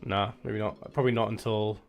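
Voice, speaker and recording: A man's voice: on the low side, level tone, fairly quick, vocal fry, soft background music. A man from Wales with a Welsh accent, chatting casually while streaming a video game and answering viewers. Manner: chatty, reads out viewer chat. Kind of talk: casual gameplay commentary.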